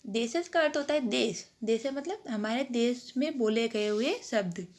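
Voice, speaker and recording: A woman with a fairly high voice teaching young children grammar. She explains slowly, stretching out each example word and asking the class questions as she goes. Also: a little mellow. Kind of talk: online grammar lesson for children.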